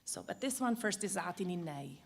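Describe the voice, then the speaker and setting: A woman from Lebanon, a singer, speaking reflectively at a concert and pausing often with fillers before she sings. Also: lowish voice, expressive, creaky. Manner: reflective, halting with many fillers. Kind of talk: spoken introduction at a concert.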